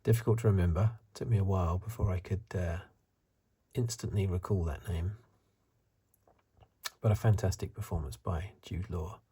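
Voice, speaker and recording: An ASMR reviewer offers soft-spoken, half-whispered commentary, musing and rambling as he goes. His husky, breathy voice sits low, and he speaks at a normal speed.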